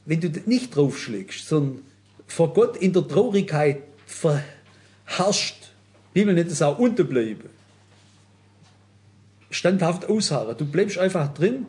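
A man's voice: on the high side, a little mellow. A man preaching a sermon, earnestly addressing his listeners and often turning to them directly.

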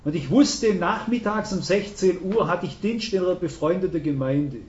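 High-voiced older preacher, roomy hall. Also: male voice, normal speed, darkish tone. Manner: earnest storytelling with emphatic rises. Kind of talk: sermon. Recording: roomy, dull hall recording.

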